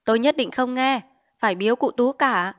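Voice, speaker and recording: A woman voicing a quarrelsome older village notable, a man, shouting indignantly in a storybook reading. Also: a little high, normal speed, voice pushed up, natural voice.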